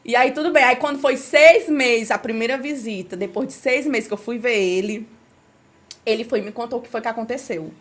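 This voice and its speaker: A woman's voice: on the high side, a little fast. A woman guest on a podcast telling an emotional personal testimony, acting out quoted dialogue as she goes. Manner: animated storytelling, acts out quoted dialogue.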